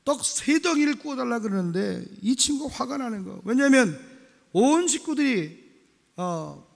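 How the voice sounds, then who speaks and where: A man preaching a sermon as pastor, animated and acting out dialogue in a loud, lively way. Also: extremely high pitch, normal speed, creaky, in a large hall.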